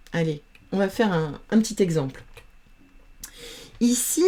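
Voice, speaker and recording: A woman teaching reading, patiently sounding out letters and syllables in a slow phonics lesson. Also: mid-range voice, warm tone.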